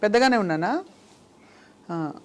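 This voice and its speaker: A woman's voice: medium pitch, expressive, a little slow. A young woman hosting an interview, coaxing and teasing a small child with short questions in a Telugu accent. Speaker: interview host.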